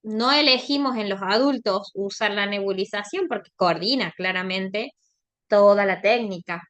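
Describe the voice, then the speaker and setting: A woman's voice: medium pitch, moderate pace, a bit bright. A woman giving a lecture, explaining in a conversational way and often checking in with her class. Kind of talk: online lecture.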